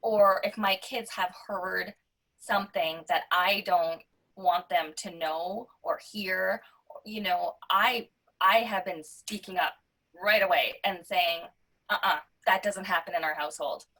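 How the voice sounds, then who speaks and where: A woman's voice: lowish voice, fairly even intonation, slow pace, fairly bright tone. Firm-spoken woman, distant mic. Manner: firm and direct. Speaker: panelist parent. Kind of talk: virtual panel discussion. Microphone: video call.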